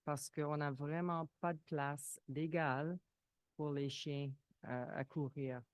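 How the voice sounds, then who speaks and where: A woman's voice: deep voice, steady tone, takes it slowly, no room sound, clean studio sound. A woman who is not a native French speaker, with a foreign accent in French, raising questions informally as a resident at a public meeting and searching for her words.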